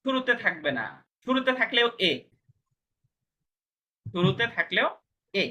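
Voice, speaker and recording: A man's voice: extremely high pitch, expressive, unhurried, sharp tone. A man teaching a language class, patiently explaining pronunciation step by step and checking whether students understand.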